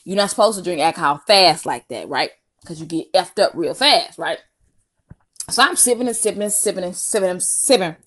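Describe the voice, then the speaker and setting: A young adult woman with a Southern US accent tells a personal story casually to viewers, slangy and animated, with drawn-out emphasis and asides. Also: fairly low pitch. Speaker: storytime vlogger.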